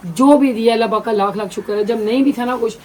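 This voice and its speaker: Fast-talking woman vlogger, distant and noisy. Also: fairly high pitch, mellow. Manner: chatty, emotional, fillers like "है ना". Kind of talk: casual storytelling to viewers. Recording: distant mic with background noise.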